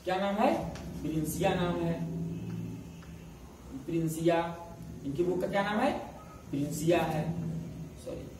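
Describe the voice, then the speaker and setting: A man's voice: high voice, measured pace, pauses often. A male science teacher leads a class from across a very echoey room, with the camera far away. He keeps asking his students questions and answering them himself, repeating every key term. Faint hiss runs under the recording. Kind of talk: classroom lesson.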